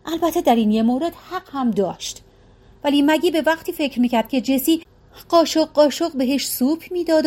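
A woman reading a novel aloud as an audiobook narrator, in a steady, even storytelling manner with a casual spoken style. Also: on the high side. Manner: steady, even storytelling read in colloquial speech.

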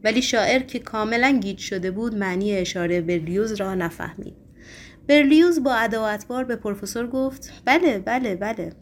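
Woman narrating a storybook, measured. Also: mid-range voice, slight background noise. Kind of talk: audiobook narration.

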